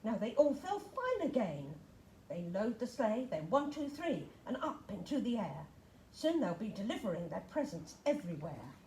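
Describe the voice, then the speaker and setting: An expressive woman reads a children's picture book aloud, sing-song and playful, her lively voice rising and falling. Her reading echoes in a roomy space with a faint hum behind. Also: mid-range voice, moderate pace. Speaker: children's storytime reader. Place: library room.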